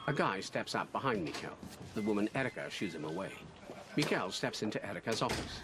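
A man reading scripted audio description for a film in a measured, descriptive way. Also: on the low side, lively intonation, background noise.

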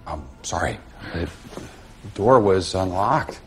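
An actor playing a gentle, worried male friend with soft-spoken concern in a naturalistic TV drama. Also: low-pitched, lively intonation, slow pace, soft background music. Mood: light, apologetic.

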